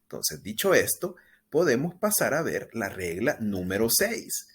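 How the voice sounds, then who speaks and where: A man teaching a beginner language class. He explains step by step in a patient way and draws out model phrases slowly so students can repeat them. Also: fairly low pitch, very animated, husky. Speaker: English teacher. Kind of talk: scripted language lesson for beginners.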